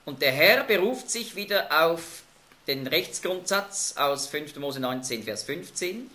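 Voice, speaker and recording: Bible teacher, male, lively bright voice, echoey room. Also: a little high, unhurried. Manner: emphatic, explanatory, asks group questions.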